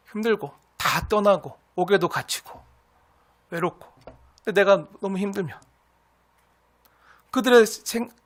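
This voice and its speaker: High-voiced preaching man. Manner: earnest, repetitive preaching with acted taunts from scoffers. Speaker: pastor. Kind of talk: sermon.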